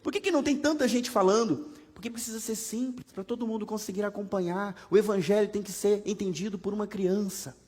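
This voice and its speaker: A man's voice: high-pitched, a little fast, darkish tone. A man with a Brazilian Portuguese accent preaching a sermon as pastor, conversational and humorous, with many rhetorical questions. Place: church sanctuary. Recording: long hall reverb from a church.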